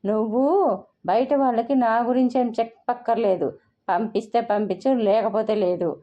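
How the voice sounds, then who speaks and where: A woman's voice: medium pitch, big pitch swings, normal speed, lightly acted. A woman voicing a defiant, whiny younger sister in a dull lo-fi recording. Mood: sulky defiant. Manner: whiny, resentful.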